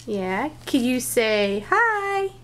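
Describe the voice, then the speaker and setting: A woman's voice: a little high, sing-song, drawn-out words, a bit bright, a little hiss or hum. A woman talking to a toddler in casual baby talk, coaxing with simple, repeated questions in a home video.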